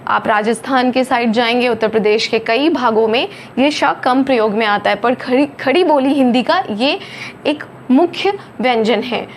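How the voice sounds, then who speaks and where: A woman teaching a phonics lesson, slowly over-articulating each letter sound. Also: a little high, slight background noise. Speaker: Hindi teacher.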